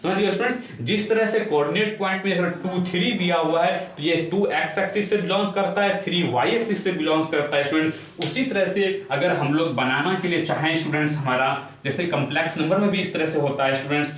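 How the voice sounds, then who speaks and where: A man's voice: fairly high pitch, fast talker, few pauses, fairly bright tone. A male maths teacher giving a video lesson, constantly addressing the students and asking if they understand. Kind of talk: classroom-style video lesson. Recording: echoey room, distant mic, faint noise.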